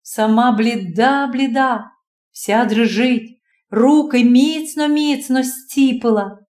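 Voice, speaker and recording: A woman narrating a classic story as an audiobook, expressive and dramatic. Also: on the high side. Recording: roomy echo.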